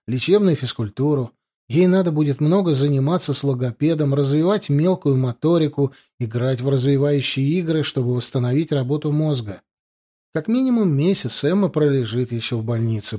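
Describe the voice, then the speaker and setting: A man narrating a story as an audiobook in a steady, even manner. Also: a little high.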